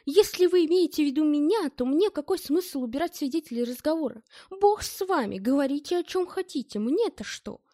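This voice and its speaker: A panicky male official, indignant and shrill, protesting at a raised pitch and volume, as a woman reads him in an audiobook. The voice sits dry and close to the mic. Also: expressive, fairly quick, few pauses, warm tone, no echo.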